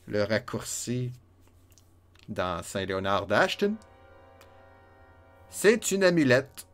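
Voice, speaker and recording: A man with a Quebec French accent giving chatty, joking let's play commentary, talking to himself as he plays. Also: lowish voice. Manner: joking, chatty, talks to himself while playing. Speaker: gamer.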